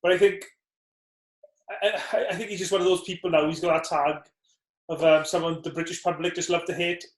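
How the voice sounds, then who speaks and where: A man's voice: high voice, fairly even intonation, brisk. A man, a former boxer co-hosting a casual podcast, recalling memories thoughtfully. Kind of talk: casual chat. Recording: roomy echo.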